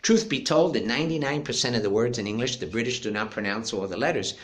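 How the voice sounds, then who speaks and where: A man's voice: mid-range voice, a bit bright. Opinionated man telling a classroom story. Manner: opinionated, emphatic, acts out quoted dialogue. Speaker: English teacher and assessor. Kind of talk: casual storytelling monologue.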